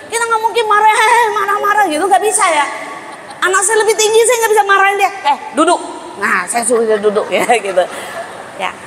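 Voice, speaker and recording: A woman giving a lively parenting seminar, quizzing the audience and acting out parents and children. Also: very high voice, fast talker, some chatter behind, slight background noise. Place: school hall seminar. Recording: reverberant hall with faint ambience.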